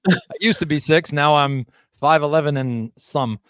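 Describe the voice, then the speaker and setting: Jokey man, slightly high voice. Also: moderate pace, a bit bright, clean tone, no echo. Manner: jokey, laughing, swears freely. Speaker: guest. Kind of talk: casual stream chat.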